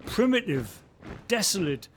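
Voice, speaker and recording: Speaking a little slowly in a high voice with big pitch swings, an actor plays the guide Billy over slight background noise. He has a Northumbrian accent and portrays an old local recounting the valley's history to a visitor in a community radio play, telling folksy stories in broad dialect.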